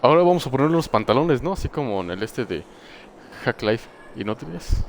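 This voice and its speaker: A man's voice: medium pitch, a little fast. A man casually talking to his stream viewers and plugging promo codes before starting a game. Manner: relaxed, addresses viewers, plugs sponsor codes. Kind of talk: casual gameplay chat.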